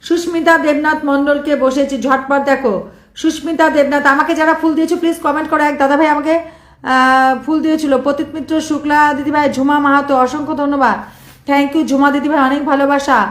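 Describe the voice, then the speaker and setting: A hoarse woman live streaming, reeling off viewer names with quick thanks in casual chat. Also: high-pitched, steady tone, reverberant. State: hoarse from shouting.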